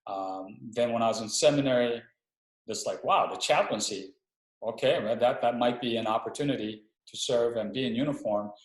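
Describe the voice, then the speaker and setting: Speaking at a moderate pace in a mid-range voice, a middle-aged Army chaplain from Hawaii joins a webinar interview as a guest. The video call audio carries a roomy echo. His manner is thoughtful and a touch hesitant, with frequent restarted sentences.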